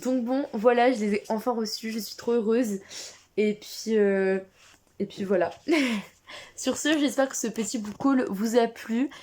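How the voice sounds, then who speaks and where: A woman's voice: a little high, unhurried, a little mellow. A young woman from France talks through a book haul for her vlog. She chats loosely and keeps restarting her sentences with fillers along the way. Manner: chatty, many fillers and restarts. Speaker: book vlogger.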